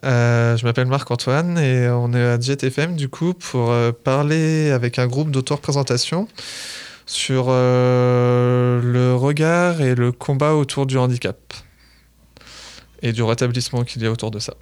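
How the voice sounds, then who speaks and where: A young man hosting a radio interview in the studio, relaxed and leaning on fillers as he asks questions. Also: mid-range voice, measured pace, clear, resonant tone. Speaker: radio host.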